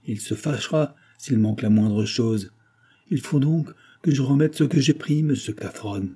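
A man voicing a desperate, bitter brewery clerk who talks hoarsely and accuses in near-hysterical outbursts. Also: mid-range voice, dark tone. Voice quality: hoarse, breathless.

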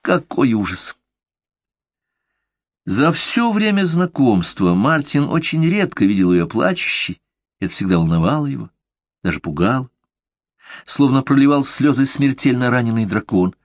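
A man narrating a literary novel in a measured, expressive reading. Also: medium pitch, dry recording, clean studio sound. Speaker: audiobook narrator.

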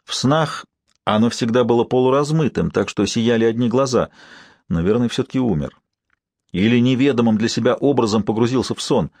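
A man's voice: mid-range voice, darkish tone, no echo. A man reading a novel aloud, dry and close. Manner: measured literary reading. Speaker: audiobook narrator. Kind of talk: scripted narration.

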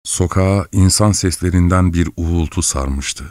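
Deep-voiced male audiobook narrator. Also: normal speed, a little mellow, dry recording, studio quality. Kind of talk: scripted narration.

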